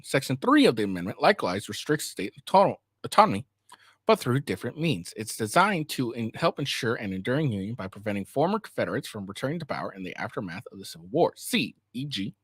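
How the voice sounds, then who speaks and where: A man reading a legal document aloud in a halting way, stumbling over words and correcting himself, with a casual host's delivery. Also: mid-range voice, a bit bright, slightly rough, no room sound.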